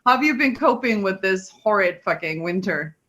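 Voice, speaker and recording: A woman from Finland, chatting casually in a blunt, jokey, animated manner. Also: mid-range voice, moderate pace. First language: Finnish. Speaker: podcast co-host. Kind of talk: casual chat, anecdote telling.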